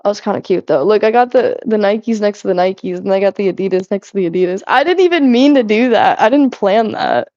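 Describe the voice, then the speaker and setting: Talking a little fast with hardly any pauses, a young woman chats loosely with her stream viewers as she cleans, giggling and cursing frequently. Her mid-range voice is a little mellow, with lively intonation. The audio has no echo and is dry and slightly muffled.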